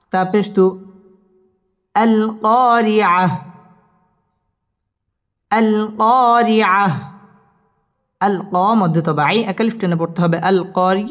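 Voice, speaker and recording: A man teaching Quran recitation with tajweed, slowly and patiently spelling out each Arabic syllable with a Bangladeshi accent. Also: high-pitched, fairly bright tone. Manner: slow, patient drilling that repeats each syllable. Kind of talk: spelling out Arabic letter by letter, then melodic recitation. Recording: reverberant room with faint music.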